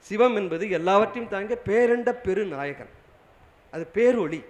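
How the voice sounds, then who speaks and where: A man's voice: high-pitched, expressive, moderate pace. A man in his seventies giving a spiritual talk and telling a story, often asking his listeners questions. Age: 70s. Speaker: spiritual speaker. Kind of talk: religious discourse with a story.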